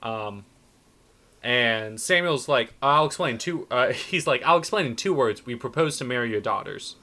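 A man's voice: medium pitch, lively intonation, normal speed, sharp tone. A man co-hosting a casual chat, joking and acting out lines in silly voices. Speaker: podcast co-host. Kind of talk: casual chat recapping a film.

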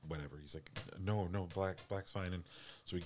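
Low-voiced man telling a halting story. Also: darkish tone, a little hiss or hum. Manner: halting, full of restarts and fillers. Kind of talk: casual storytelling chat.

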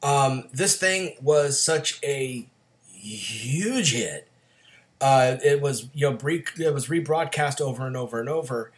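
Raspy, gravelly male podcast co-host with a cold. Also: mid-range voice, animated, slow. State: getting over a cold. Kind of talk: casual film-discussion podcast talk.

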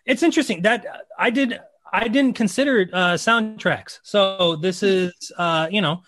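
A man joins a casual podcast chat with dry, teasing humor. His voice is a little high and the recording is close and dead. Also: measured pace, a bit bright, dry recording. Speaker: podcast co-host.

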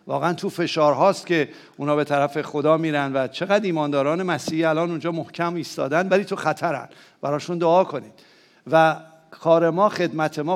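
A man with a Persian accent, preaching a sermon to his church. He keeps asking the congregation questions and calls on them to answer aloud. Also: on the high side. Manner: rises to emphatic, excited peaks. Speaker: pastor.

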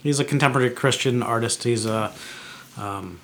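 A man co-hosting a podcast, explaining things in casual chat in a halting way. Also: medium pitch, gravelly, a bit bright, slight background noise. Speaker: podcast co-host.

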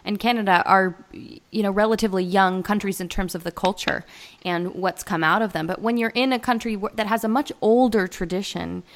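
A woman's voice: medium pitch, a little fast. A woman interviewing a guest, chatting casually and affirming him often with "yeah".

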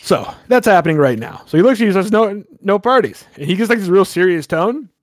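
A man's voice: sits high, expressive, fast, no echo, studio quality. A man narrating a horror tabletop game as game master, rambling and swearing casually.

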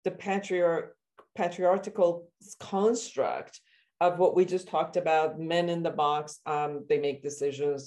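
A woman from Iran, a therapist, hosts a conversational interview in a slightly low voice. She strings long questions together with fillers and restarts, and breaks into sudden high, animated exclamations when she acts out how people react. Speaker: therapist and podcast host.

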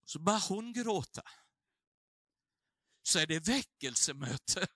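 A man preaching a sermon with a high voice. His tone is very bright and cutting. He moves from tender storytelling to urgent, fervent appeals, and the sound is dry and close. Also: lively intonation, dry recording. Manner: emotional storytelling rising to fervent exhortation. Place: revival meeting.

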